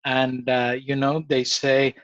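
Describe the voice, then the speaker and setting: A Spanish-speaking man from Ecuador telling his life story in a relaxed podcast chat, with many fillers and easy laughs. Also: mid-range voice, slow, no echo, highs cut off. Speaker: guest. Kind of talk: casual storytelling interview.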